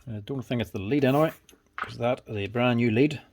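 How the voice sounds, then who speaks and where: Speaking a little fast in a mid-range, slightly mellow voice, this man hosts videos as a power tool repairer. His workshop commentary is casual, made up of short, plain remarks as he thinks out loud, over clearly audible clicks, clatter and background noise.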